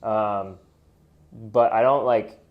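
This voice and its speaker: A man in his twenties, originally from Pakistan, speaks as a podcast guest in a fairly low voice. He thinks out loud, wandering and hesitating as he works through his answers. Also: fairly even intonation, slow, narrow, tinny audio. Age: 20s. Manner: reflective, rambling, hesitant. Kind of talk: casual interview chat.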